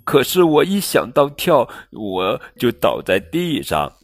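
Guy doing a sad sniffly kangaroo for a storybook, squeaky and way higher than his own voice, soft music behind. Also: huge pitch swings, a little slow, vocal fry, breathy edge, full character voice. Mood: fretful. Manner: whiny, tearful sighing. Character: glum young kangaroo, sniffly and self-doubting.

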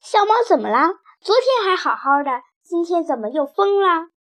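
Gossiping storybook goose, fussy and excitable, very high, played by a woman. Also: normal speed, heavily acted.

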